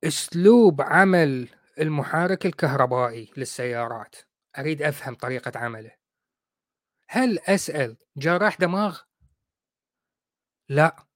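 A man's voice: on the high side, expressive, moderate pace, long pauses, no echo, studio quality. A man with an Iraqi accent hosting a livestream, rebutting clips in a sarcastic, mocking way. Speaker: host. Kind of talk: livestream commentary.

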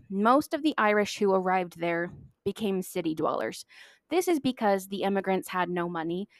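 A woman's voice: mid-range voice, no room sound. A woman hosting a history podcast, narrating from a script in an emphatic way, leaning hard on key words. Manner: emphatic, stresses key words, self-deprecating asides.

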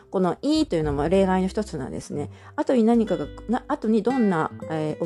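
A woman's voice: fairly low pitch, mellow. A woman from Japan teaching a language lesson, explaining patiently step by step with many fillers.

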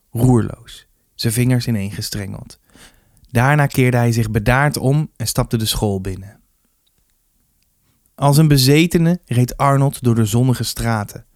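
A man reading a youth novel aloud with steady, measured narration. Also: medium pitch, no echo, clean studio sound. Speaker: reader. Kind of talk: storybook reading.

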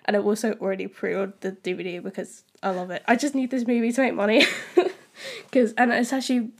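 A woman's voice: medium pitch, fairly even intonation, brisk, darkish tone. A young woman co-hosting a casual film chat, chatty and upbeat, with frequent fillers and giggles. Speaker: podcast co-host. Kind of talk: casual chat about films.

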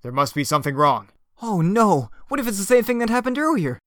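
A man's voice: high-pitched, sing-song, a little fast, fairly bright tone, no room sound, clean studio sound. A man playing a bombastic, patriotic space captain with earnest, overblown heroics. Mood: urgent. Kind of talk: comedy audio drama acting.

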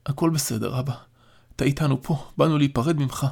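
A man's voice: mid-range voice, vocal fry, a little mellow, breathy edge, pitched above the performer's own voice. A man voicing a grown son who speaks with emotion to his dying father in an audiobook. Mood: emotional.

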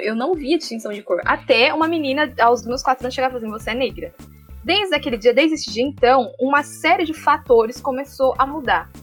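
A woman with a Brazilian Portuguese accent, telling viewers a personal story in a casual, animated way and acting out what others said. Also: a little high. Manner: animated, often acts out quoted voices. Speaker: vlogger.

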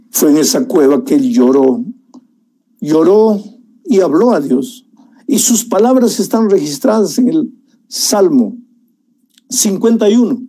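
A man's voice: on the high side, warm tone, husky. A man preaching a sermon, telling the story emotionally and addressing the listener as dear one.

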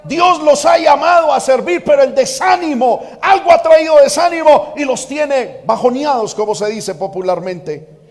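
Male pastor, sermon delivery, fervent with shouted peaks, long church-hall reverb. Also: extremely high pitch, normal speed. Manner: fervent, swings from quiet asides to shouted exhortation.

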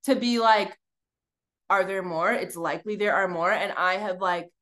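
A woman's voice: mid-range voice, moderate pace. Emphatic young woman, casual chat. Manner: animated, emphatic, swears freely. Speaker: podcast co-host.

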